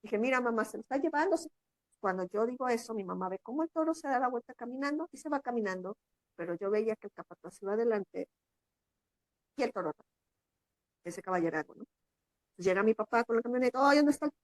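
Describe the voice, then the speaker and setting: A woman's voice: fast, long pauses, no room sound. A woman from Mexico with a Mexican accent, a guest telling a long personal story in an interview and acting out the voices of people in it. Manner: animated, acts out quoted voices in a higher pitch.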